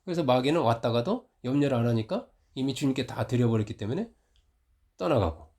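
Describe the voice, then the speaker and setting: A middle-aged man preaches in a church with a conversational, storytelling delivery. His voice sits at an ordinary middle pitch, and he grows louder and more heated when he recounts a confrontation. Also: animated, brisk. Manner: storytelling, rising loud when retelling conflict. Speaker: pastor. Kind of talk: conversational sermon.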